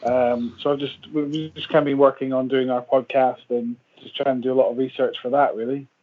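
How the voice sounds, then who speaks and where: A man's voice: mid-range voice, flat delivery, a little fast. A man who investigates the paranormal, speaking hesitantly as a guest in a casual podcast chat. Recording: tinny phone-like line with faint noise.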